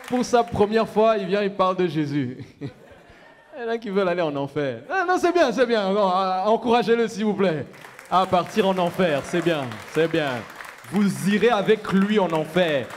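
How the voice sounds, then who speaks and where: A man hosting a comedy club night, loudly teasing the performers and hyping up the audience. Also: high-pitched, animated, moderate pace, a little hiss or hum. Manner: loud, teasing, hypes the crowd. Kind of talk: stand-up emcee banter. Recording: live club with crowd and music.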